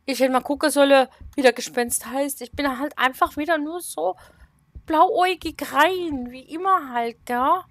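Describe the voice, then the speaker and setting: A woman's voice: sits high, a little slow, a bit bright, dry recording. A woman, commentating a horror game in a casual, nervous way, talking to herself and exclaiming in fright. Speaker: let's play gamer.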